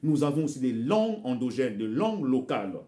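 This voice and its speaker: Very animated and a little fast, a Bembe-speaking vlogger from Congo delivers fervent commentary to his camera. His voice is warm and dark at mid pitch, and as he exhorts his brothers and sisters, he repeats words while finding his phrasing.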